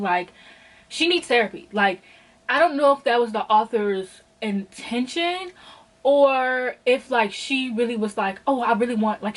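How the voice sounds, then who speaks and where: A woman with a fairly high voice reviews a book in a casual vlog. She rambles in a chatty, exasperated way, filling her sentences with "like". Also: low-quality recording. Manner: chatty, exasperated, heavy use of filler "like". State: out of breath. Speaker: book vlogger.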